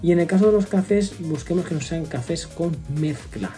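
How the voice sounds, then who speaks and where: A man in his thirties explains food choices on his home webcam, warm and mellow in tone. He pauses on fillers and restarts words mid-thought. Faint music plays softly behind him. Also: on the high side. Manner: explains step by step, frequent fillers and self-corrections. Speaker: nutrition vlogger. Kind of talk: casual explanatory vlog. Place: home room with wooden ceiling, indoors.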